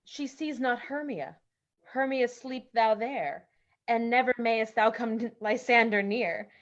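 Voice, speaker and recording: An ardent young man in love, played by a woman, lingering over each line of verse. The voice sits fairly high and unhurried. The recording is muffled and lo-fi. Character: young male lover, earnest and ardent. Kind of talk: Shakespeare reading.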